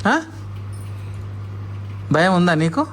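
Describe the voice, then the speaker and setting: A man's voice: high-pitched, expressive, takes it slowly, fairly bright tone, slight background noise. A father, chatting at home with his toddler, coaxing and scolding by turns and repeating words for her. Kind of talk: casual family chat with a toddler.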